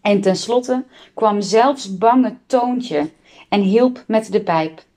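A woman reading a children's book aloud, expressive and giving the characters their own voices. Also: mid-range voice, slow. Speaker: reader.

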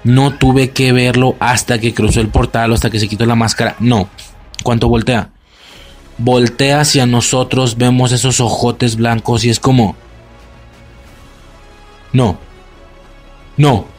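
Excitable Mexican man, slangy and profane. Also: medium pitch, a little slow, pauses often, soft background music. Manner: animated, profane, reenacts his own shocked reactions. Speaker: vlogger. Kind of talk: excited casual storytelling.

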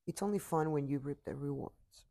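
A woman's voice: low voice, normal speed, mellow. A tired woman giving an earnest, repetitive motivational talk into her computer mic.

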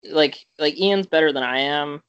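A man's voice: fairly high pitch, normal speed, a bit bright, smooth, no echo, dull audio. A young man co-hosting a podcast, telling a story in casual chat, rambling with lots of fillers and restarts. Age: young adult. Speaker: podcast co-host.

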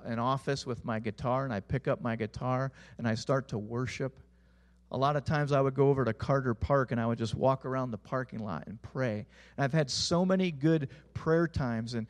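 A young adult pastor gives an earnest sermon in a darkish tone. He questions his listeners directly, and his voice drops low at the ends of his phrases.

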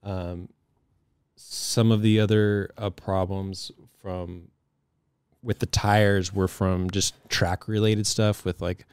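A man's voice: deep voice, little pitch movement, takes it slowly, smooth, no echo. A man co-hosting a casual podcast, talking loosely with lots of fillers and trailing phrases. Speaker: podcast co-host. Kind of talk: casual chat.

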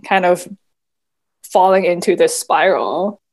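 Taking things slowly in a fairly low voice, a woman whose native language is Cantonese reflects thoughtfully as a podcast guest. She is soft-spoken, laughs quietly and leans often on the filler "like."

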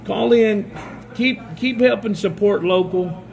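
A man's voice: high voice, takes it slowly, vocal fry, a little mellow, slight background noise. A man co-hosting a podcast in casual banter, joking and laughing often. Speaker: podcast co-host. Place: room with other people.

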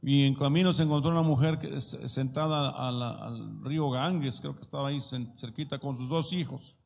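A man's voice: medium pitch, moderate pace, vocal fry, darkish tone, in a large hall. A male pastor preaching a sermon in a conversational way, with many rhetorical questions and personal stories.

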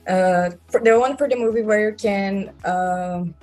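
A woman's voice: mid-range voice, unhurried, darkish tone. Brazilian woman, chatting as a filmmaker guest, music behind her. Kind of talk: conversational interview answers.

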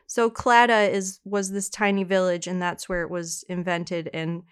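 A woman co-hosting a casual true-crime podcast, chatty, telling the story with quick asides. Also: lowish voice, level tone, smooth. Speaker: podcast co-host.

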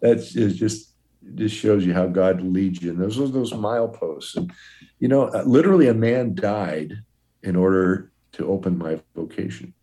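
Older guy, a priest, low mellow voice, folksy storyteller, chuckles a lot. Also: normal speed. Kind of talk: telling his life story in an interview.

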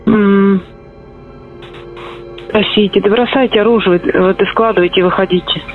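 A woman's voice: medium pitch, steady tone, normal speed. Middle-aged mother, anxious and affectionate, intimate phone chat; lo-fi line with prominent music underneath. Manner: tender, anxious. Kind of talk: emotional private phone conversation. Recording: muffled intercepted phone line, music over it.

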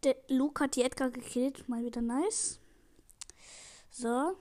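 Excitable high-voiced teen girl gamer. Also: slow pace. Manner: excitable, pleading and narrating every move. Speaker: gamer streaming her match. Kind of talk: live gameplay commentary. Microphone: headset.

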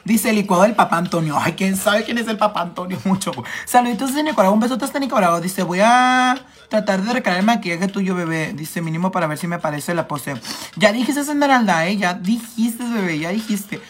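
A man with a Mexican accent chatting casually on a makeup livestream, clearing his throat as a cold starts, affectionate and full of slang with his viewers. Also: sits high, brisk, fairly bright tone, a little hiss or hum. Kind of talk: casual live-stream chat reading comments.

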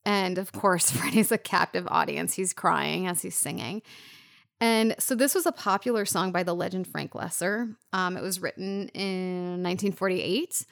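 A woman co-hosting a casual film podcast, her voice gravelly with vocal fry. She is emotional and near tears as she retells a scene. The recording is dry and close. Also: fairly low pitch, moderate pace, fairly bright tone, dry recording. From Las Vegas. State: crying. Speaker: podcast co-host.

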